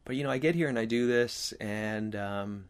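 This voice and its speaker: A man chatting casually to his viewers as host, earnest and reflective, with halting, rambling phrasing and a slight whistle on his s sounds. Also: lowish voice, clean tone. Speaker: video host.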